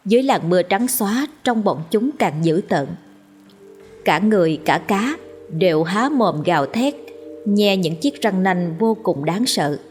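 A woman's voice: mid-range voice, expressive, a little slow, darkish tone, soft background music. A woman narrating a ghost story as a storyteller.

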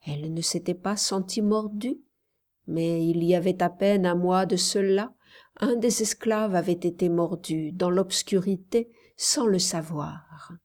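A woman narrating an audiobook in a measured, calm storytelling voice. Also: lowish voice.

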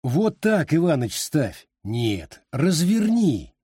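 A man voicing a tired ambulance doctor giving brisk, businesslike instructions. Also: medium pitch, sing-song, dark tone, no room sound, studio quality, voice pushed up. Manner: brisk commands.

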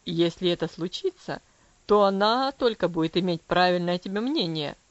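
A woman voicing a strict, cold father who speaks in a low, commanding, measured voice in an audiobook. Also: animated, no room sound, muffled recording, lightly acted. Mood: stern, cold. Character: stern cold father, strict then tender.

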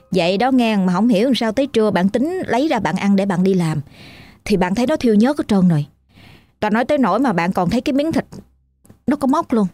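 A woman's voice: medium pitch, dark tone, no echo. A woman with a Southern Vietnamese accent narrating a ghost story in a chatty style, talking straight to the listener. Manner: chatty, addresses listener directly.

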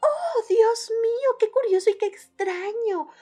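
A woman's voice: very high-pitched, lively intonation, unhurried, mellow, faint music behind, pitched above the performer's own voice. A woman playing a polite English lady in a radio play, marvelling at every coincidence with formal exclamations. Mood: amazed politeness. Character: Mrs. Martin, a polite, wondering English lady. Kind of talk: radio theatre acting.

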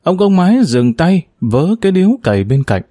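A man narrating an audiobook chapter in a measured, expressive storytelling manner. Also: a little high, no room sound, clean studio sound.

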